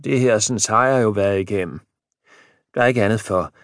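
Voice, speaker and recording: A man's voice: fairly low pitch, no echo, studio quality, natural voice. A man voicing a gaunt, balding old husband who is hearty and good-natured, in an audiobook. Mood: cheery.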